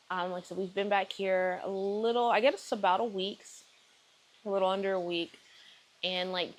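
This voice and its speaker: A woman's voice: fairly low pitch, creaky, slight background noise, rough recording. A woman, talking casually to camera in a rambling video diary full of fillers and self-corrections. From Texas, United States. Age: 30s. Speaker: vlogger.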